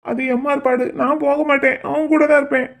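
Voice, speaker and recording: A woman's voice: high voice, flat delivery, brisk. A woman voicing a devoted young man in a cartoon, about to leave for college, speaking in a pleading, stubborn way.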